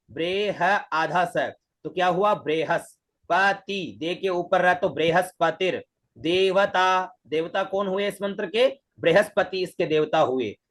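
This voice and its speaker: A man's voice: sits high, a bit bright. A man teaching Vedic mantras online. He breaks each word into syllables, repeats it several times, and chants the full verse. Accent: Hindi. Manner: spells out syllables slowly, then chants the mantra.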